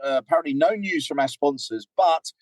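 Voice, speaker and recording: A man's voice: on the high side, fairly quick, a little mellow, no echo, rough recording. A man co-hosting a podcast, teasing his partner in casual banter. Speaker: podcast co-host. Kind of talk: casual chat.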